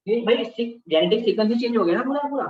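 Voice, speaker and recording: A man's voice: extremely high pitch, animated, racing, slight background noise. A man teaching a class, repeating key terms and often checking that students follow. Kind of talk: classroom lecture. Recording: distant, echoey, dull-sounding classroom recording.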